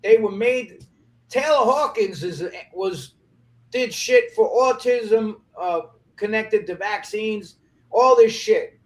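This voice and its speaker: A man speaking as an interview guest, ranting angrily and swearing heavily. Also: high-pitched. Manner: angry, profane, rapid ranting. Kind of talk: heated interview talk.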